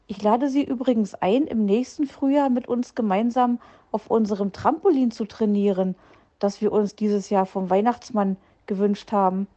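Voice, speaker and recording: A woman's voice: medium pitch, normal speed, warm tone, highs cut off, close to an everyday voice. A woman voicing an eager, proud little hare child who chatters along.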